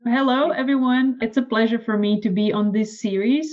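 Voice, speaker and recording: Woman, Czech accent, guest telling her story, animated, dull lo-fi recording. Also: normal speed. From Czech Republic. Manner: animated, acts out quoted lines in a higher voice. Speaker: podcast guest. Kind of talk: casual interview storytelling.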